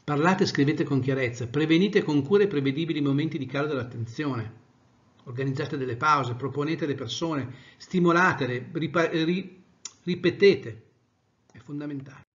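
A male trainer giving an animated lecture, swinging from loud to soft to demonstrate tone. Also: on the high side, normal speed, dull audio. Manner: animated, varies volume widely, demonstrates tones of voice.

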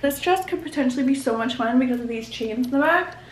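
A woman's voice: high voice, fast talker, echoey room. A young woman in her twenties chatting casually to her vlog camera, bubbly and full of filler words. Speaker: vlogger. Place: her mom's house, indoors. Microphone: handheld vlog camera.

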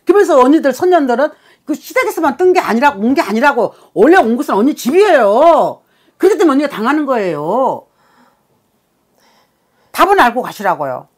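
A woman's voice: high voice, sing-song, a little fast. A woman shaman giving a blunt, scolding consultation, swearing and bursting into emphatic outbursts. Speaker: shaman fortune-teller.

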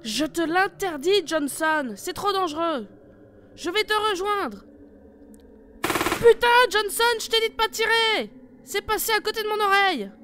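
A woman's voice: mid-range voice, unhurried, long pauses, a bit bright, slight background noise, lightly acted. A woman voicing a tough female squad leader in an amateur horror audio drama, giving curt, commanding orders. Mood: frantic. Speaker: team leader.

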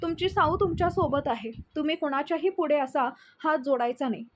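A woman's voice: high voice, brisk, a little hiss or hum, natural voice. A woman reading the lines of a young wife who protectively and indignantly defends an old man.

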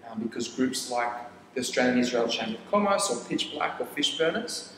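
A young startup founder from Papua New Guinea, Tok Pisin being his first language, talks loosely through his business in a casual interview on a studio set with armchairs. Animated and a bit bright, his mid-pitched voice rambles, restarts phrases, and fires off lists. The roomy space rings with a long reverb tail, and faint hiss sits underneath.

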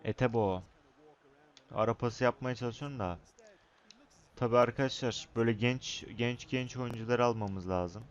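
A young man gives casual, excitable commentary over his own football video game match. His voice is smooth and mid-pitched, and it surges loud when he yells at his players. The recording sounds slightly muffled and lo-fi. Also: normal speed, long pauses. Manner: excitable, shouts at players, chatty asides to viewers. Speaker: gaming YouTuber.

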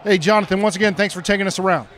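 Middle-aged guy reporter, quick and kinda high, handheld mic in a bowling alley. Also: steady tone. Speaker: team website reporter. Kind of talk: sports interview host.

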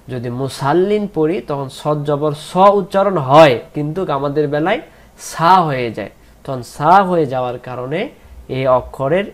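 A man teaching Quran pronunciation in a slow lesson, spelling out letters one by one and drawing out the recited words. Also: a little high. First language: Bengali.

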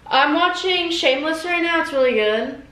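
A woman's voice: high voice, animated, moderate pace, fairly bright tone, far from the mic, slight background noise. Chatty teenage girl, slightly off-mic. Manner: chatty, laughs often, teasing. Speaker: daughter answering questions. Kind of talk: casual family chat. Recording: echoey room, voice a bit off-mic.

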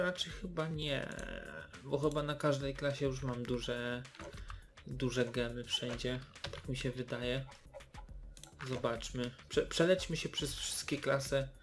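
A man's voice: mid-range voice, slight background noise. A young man giving casual, hesitant commentary while opening game loot boxes, with many fillers and restarts. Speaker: gaming YouTuber.

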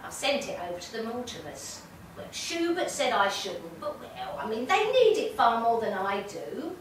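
A woman's voice: a little high, sing-song, moderate pace. A woman playing a chatty, genteel older female medium, fussy, gossipy and amused at herself. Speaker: spirit medium. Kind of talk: stage monologue. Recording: roomy, distant and noisy.

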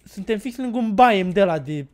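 A loud, excitable woman chats through a live game stream, teasing her partner. Her voice swings widely up and down as she talks. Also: mid-range voice. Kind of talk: casual live gameplay chat.

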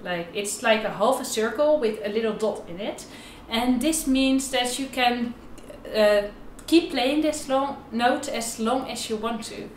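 Speaking to camera, a young violin teacher explains her instrument informally, her phrasing slightly non-native. Her voice sits a little high, her pace is measured with hardly any pauses, and there's slight background noise. Echo fills the room, with occasional violin playing.

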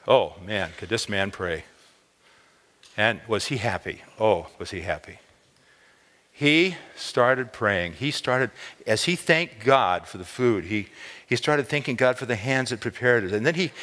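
An animated man in his sixties delivers a storytelling chapel sermon, his bright voice rising and falling over a wide range. He stammers into quick repeats as he gets excited. A long hall reverb trails behind him on a large stage. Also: mid-range voice. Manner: animated, gesturing, repeats words when excited. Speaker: chapel speaker. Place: large dark auditorium stage.

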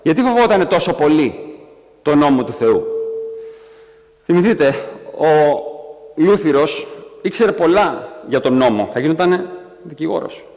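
Animated preacher man, ringing hall. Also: on the high side, pauses often. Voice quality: animated, acts out quotes in a raised voice. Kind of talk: sermon. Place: church hall.

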